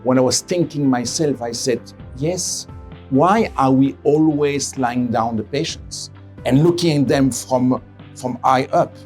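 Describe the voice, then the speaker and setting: Middle-aged man, measured and emphatic. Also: mid-range voice, a little mellow, soft background music. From Belgium. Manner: measured, self-correcting, emphatic. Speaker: head of radiation oncology. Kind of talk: interview testimonial.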